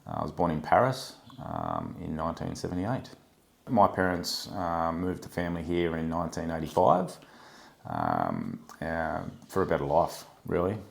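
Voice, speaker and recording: Deep-voiced Australian man, hesitant. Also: very animated, moderate pace, gravelly. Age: 40s. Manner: hesitant, many ums and uhs, reflective. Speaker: podcast guest, former police officer. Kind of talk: casual interview conversation.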